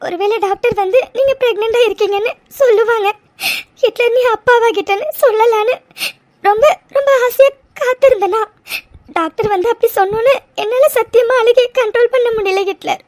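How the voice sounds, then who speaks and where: A woman's voice: extremely high pitch, mellow, no echo, studio quality. A woman voicing a young cartoon wife who sobs and stammers as she speaks of longing for a baby. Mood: tearful. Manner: sobbing, halting speech. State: crying. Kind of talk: cartoon voice acting.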